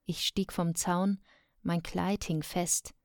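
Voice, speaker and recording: Female audiobook narrator, lower voice, steady measured delivery, dry close sound. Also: no echo. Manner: calm, measured storytelling. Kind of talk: scripted first-person narration.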